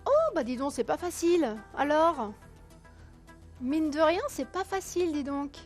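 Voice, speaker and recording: A woman hosting a live call-in TV quiz, her voice hoarse, chatty and coaxing viewers, counting down and correcting herself aloud. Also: high-pitched, measured pace, faint music behind. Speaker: game show host.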